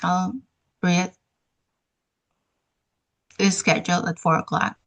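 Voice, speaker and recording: A woman caller asking a question over a call whose audio keeps breaking up and cutting out, talking in halting phrases with restarts. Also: on the low side, little pitch movement, gravelly, fairly bright tone, muffled recording. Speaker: caller, notary. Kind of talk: call-in question on a live online show.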